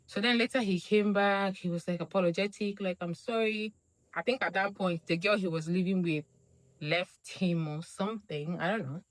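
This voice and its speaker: A young woman vlogger from Nigeria telling a casual storytime monologue, acting out quoted lines with big jumps in her voice. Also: moderate pace. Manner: animated, acts out quotes with big pitch jumps.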